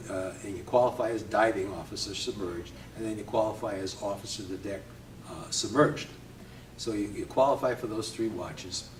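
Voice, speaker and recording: An older Navy veteran from Connecticut tells his memories in an easygoing way, chuckling now and then and pausing on small hesitations. His fairly low voice sits a little way from the mic in a roomy, echoing space, with a faint hum of ambience underneath. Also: a little mellow, recorded from a distance. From Connecticut, USA. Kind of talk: reminiscing interview.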